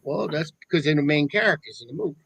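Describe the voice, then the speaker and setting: A man's voice: a little high, fast, gravelly, fairly bright tone, breathy edge, no echo, poor audio. A man hosting a talk show, matter-of-fact and wrapping up the episode. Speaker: podcast host. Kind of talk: casual show wrap-up chat.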